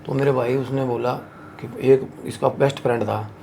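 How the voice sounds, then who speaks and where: Gravelly man telling a crude ghost story. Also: mid-range voice, steady tone, moderate pace, dark tone, slight background noise. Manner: crude slangy storytelling, heavy swearing. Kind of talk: casual horror storytelling.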